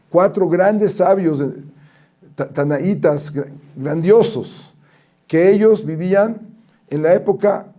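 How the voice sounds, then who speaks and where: A man, a rabbi, giving a lesson as an animated storyteller who reads out Hebrew and Aramaic quotes. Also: a little high. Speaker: rabbi teaching.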